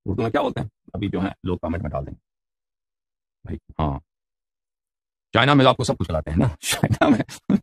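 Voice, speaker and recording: A middle-aged man lectures from a stack of books, reading out Arabic titles and then explaining them. His low voice is gravelly and husky, and his pitch jumps widely as he talks. The sound is dry and close. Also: darkish tone, no room sound. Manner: cites Arabic book titles, then explains in Urdu, asks listeners questions. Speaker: religious debater.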